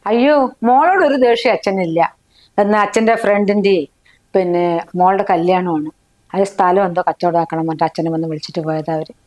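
An actress playing a soft-spoken middle-aged mother who reassures her daughter in a family short film. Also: fairly low pitch, fairly quick, close to an everyday voice.

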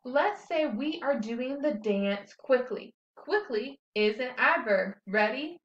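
A young woman teaching children a grammar lesson, slow and clear, cheerful as she leads a sing-along dance chant. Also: fairly high pitch, animated, echoey room, muffled recording.

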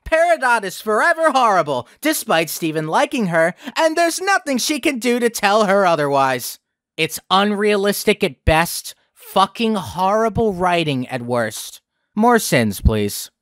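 A man's voice: high voice, sing-song, unhurried, fairly bright tone, dry recording, studio quality. A young man hosting a review video, with sarcastic, profane ranting commentary. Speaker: video critic host.

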